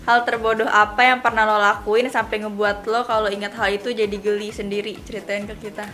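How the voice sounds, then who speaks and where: Bright-voiced young woman, casual chat. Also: medium pitch, flat delivery, brisk, soft background music. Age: 20s. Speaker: guest.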